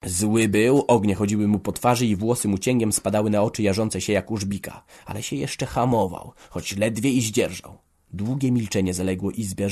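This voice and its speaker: A man's voice: lowish voice, darkish tone, breathy edge. Man narrating a classic novel.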